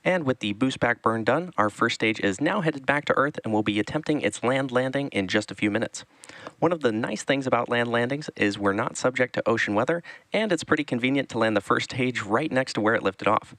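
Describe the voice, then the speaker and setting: A man giving live explanatory launch commentary as a webcast host, measured and informative. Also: mid-range voice, animated, fairly bright tone, dry recording, low-quality recording.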